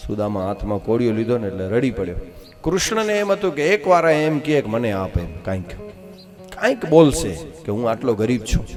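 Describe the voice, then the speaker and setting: A man, telling a devotional scripture story with dramatic swings between loud and soft. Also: mid-range voice, sing-song, brisk, soft background music. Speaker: religious storyteller.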